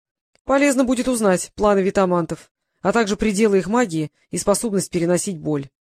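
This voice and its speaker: The audiobook narrator voicing a cold, imperious male transparent god who speaks in measured pronouncements. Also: mid-range voice, a little mellow, dry recording, studio quality, close to an everyday voice.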